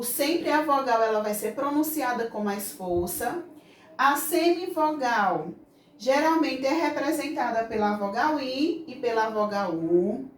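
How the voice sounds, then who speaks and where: Slow, patient Brazilian woman teacher. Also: high voice. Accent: Brazilian Portuguese. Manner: slow, patient explaining, voices children's questions. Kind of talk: children's grammar lesson. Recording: echoey room, mic far off.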